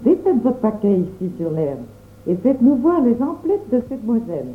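A woman's voice: a little high, very animated, normal speed. Woman playing a strict old grandmother, severe tone, tinny phone sound. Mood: commanding. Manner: severe, commanding. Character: stern older grandmother, dignified and strict.

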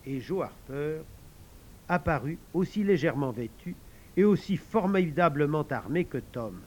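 A man narrating an audiobook with expressive storytelling. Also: a little high, measured pace, husky.

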